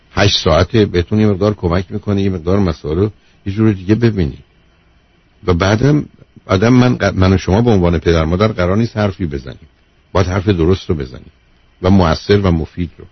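A man's voice: deep voice, breathy edge, no room sound. A man who is a doctor, hosting a call-in radio advice show, lecturing emphatically and repeating his key points. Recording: dull lo-fi radio broadcast.

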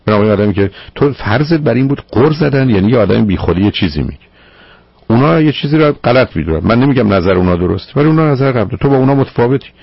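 A man's voice: mid-range voice, expressive, creaky, breathy edge, dry recording, highs cut off. A man hosting a radio call-in show as a psychologist, probing and lecturing his caller firmly. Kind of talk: call-in advice counseling.

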